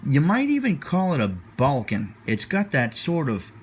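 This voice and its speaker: A man's voice: a little high, wildly swooping pitch, a little slow, breathy edge. A man giving a casual, unscripted product review as a reviewer, hesitant and often repeating himself as he searches for words. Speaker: pipe tobacco reviewer. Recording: noticeable background noise.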